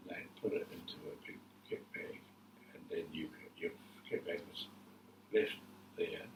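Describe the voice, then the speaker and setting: An elderly man with a New Zealand accent, a war veteran remembering his service in a halting, repetitive way during an informal interview. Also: deep voice, steady tone, far from the mic. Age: 80s or older. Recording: echoey room with faint background noise.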